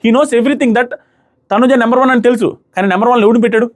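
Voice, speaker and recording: A man's voice: very high-pitched, steady tone, quick pace. A young man giving casual, opinionated commentary as a reality show reviewer, emphatic and full of rhetorical questions.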